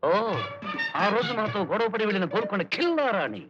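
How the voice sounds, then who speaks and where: Boastful scheming musician, theatrical, high voice, dry muffled film audio. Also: male voice, sing-song, a little fast, over loud music. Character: scheming male harmonium player, boastful schemer. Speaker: comic lead. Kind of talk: Telugu film comedy dialogue. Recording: dry, dull film soundtrack.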